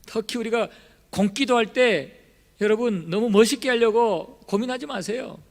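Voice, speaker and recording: A male pastor preaching a sermon in a church, impassioned and emphatic, swinging between soft and loud delivery. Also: very high-pitched, normal speed. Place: church sanctuary. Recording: long reverb of a church hall.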